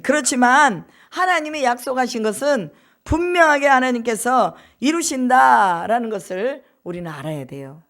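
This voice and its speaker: A woman pastor preaching a sermon, telling a story and asking her listeners questions that she then answers herself. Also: mid-range voice.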